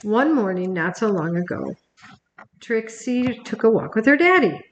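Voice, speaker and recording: An older woman, a grandmother, reading a picture book aloud on camera and gently talking to her grandchild between pages. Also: fairly high pitch, big pitch swings, measured pace, echoey room, a little hiss or hum. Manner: gentle, talks to the child by name between pages. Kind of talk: recorded bedtime story reading.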